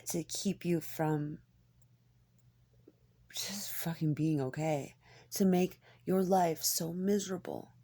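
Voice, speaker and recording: Woman, husky and breathy, dark soft tone, halting confessional rambling, casual and candid. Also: low voice. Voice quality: husky, gravelly, often breaking into a whisper. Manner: halting, hesitant, candid, swearing. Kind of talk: rambling personal monologue, casual confessional talk.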